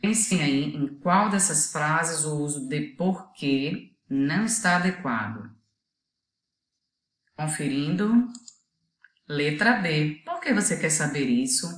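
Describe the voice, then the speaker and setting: Low-voiced Brazilian woman teaching a lesson. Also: lively intonation, slow pace, roomy sound. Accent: Brazilian Portuguese. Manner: patient, explanatory, asks students to think. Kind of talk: video lesson.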